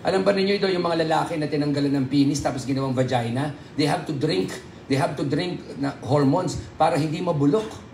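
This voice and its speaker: A man with a Filipino accent preaching a humorous sermon as a pastor, animated and joking, with loud high exclamations. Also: a little fast, reverberant, a little hiss or hum, low-quality recording. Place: church hall.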